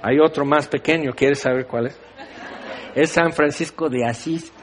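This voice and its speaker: A man delivers a sermon in a high, light voice. He keeps it animated and playful, dropping into little acted-out bits of the figures he talks about. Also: unhurried, a little hiss or hum. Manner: animated, acts out biblical figures with humor. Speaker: preacher.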